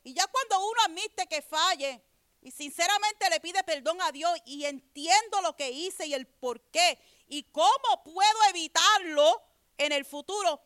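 High-voiced woman preaching conversationally. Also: fairly bright tone, dry recording, clean studio sound. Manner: conversational preaching, repeatedly asks "¿verdad?"; reads scripture aloud and explains it. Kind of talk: sermon.

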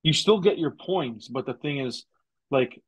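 A young man in casual podcast chat with a husky, slightly rough voice, wandering through his points and often restarting his sentences. The recording is dry and close, with no room sound. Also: mid-range voice, lively intonation, unhurried, dry recording. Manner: rambling, heavy use of "like" and restarts. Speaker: podcast guest.

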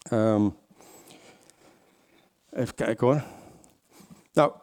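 A man's voice: medium pitch, very slow, darkish tone. Man, casual sermon, fillers, self-corrections, questions to listeners. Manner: conversational, many fillers and self-corrections, asks the congregation questions. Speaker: lay preacher. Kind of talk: informal sermon.

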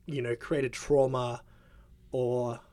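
A man's voice: medium pitch, level tone, slow pace, no room sound. A young man, a guest in a casual interview, talking hesitantly with lots of fillers. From Australia. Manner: hesitant, filler-heavy, soft-spoken.

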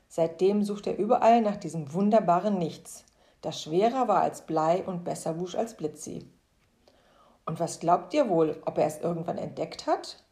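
A woman reading a playful children's story aloud, switching into lively voices for the quoted characters. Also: lowish voice. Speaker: narrator.

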